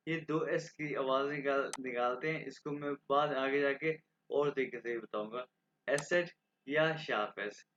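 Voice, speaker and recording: A man from Pakistan teaching an online German lesson, drilling each word and letter slowly so learners can repeat after him. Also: medium pitch, steady tone, a bit bright, slight background noise. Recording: dull lo-fi recording.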